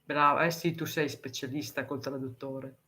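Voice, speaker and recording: A woman from Italy chats casually on a live stream, reading out viewer comments, answering them, and laughing often. Her voice is extremely low, steady, and sharp, and she speaks deliberately slowly and carefully for foreign viewers.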